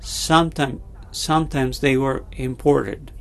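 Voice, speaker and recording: A man preaching a sermon and leading a prayer, pausing often with fillers and restarting his sentences. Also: mid-range voice, fairly even intonation, vocal fry. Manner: halting, many fillers and restarts, slow and deliberate. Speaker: pastor.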